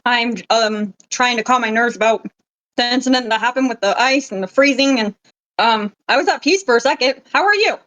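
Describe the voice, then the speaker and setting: A woman playing an earnest, gentle nature-loving young adventurer in a tabletop game, hesitant and sincere, on a slightly dull microphone. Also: a little high, brisk, close to an everyday voice. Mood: shy, friendly.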